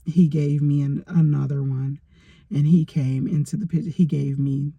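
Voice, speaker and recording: A woman's voice: low voice, fairly even intonation, moderate pace, gravelly, breathy edge, no echo, highs cut off. A middle-aged woman chatting casually in a rambling storytime vlog, filled with fillers, recorded on a phone in her parked car. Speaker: vlogger.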